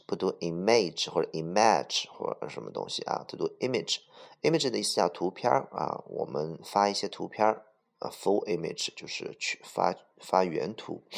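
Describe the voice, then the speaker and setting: A man teaching English vocabulary, explaining each word with examples and repeating words slowly, often clearing his throat. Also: deep voice. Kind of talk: vocabulary lesson.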